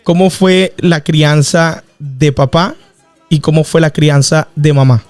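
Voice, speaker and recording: A man's voice: on the high side, fairly even intonation, slow, darkish tone, no room sound, faint music behind. A man hosting a podcast, questioning his father in a friendly, prodding way with many fillers. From Venezuela. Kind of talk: casual podcast interview.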